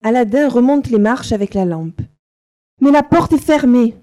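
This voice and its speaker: A woman narrating a simple storybook slowly and carefully for learners. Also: a little high, expressive, warm tone. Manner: slow, simple, carefully articulated.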